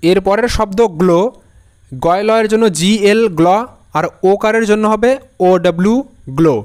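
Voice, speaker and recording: A male teacher gives a patient spelling lesson, spelling words out letter by letter and saying each one several times over. His voice sits high and sounds smooth and resonant. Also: normal speed, darkish tone. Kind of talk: Bengali-language spelling lesson.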